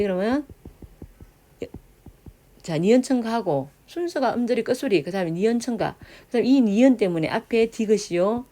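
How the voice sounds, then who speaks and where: Woman teacher, lively pitch, mellow tone, grammar lesson, frequent check-in questions. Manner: sounds out example words slowly. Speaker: middle school Korean teacher.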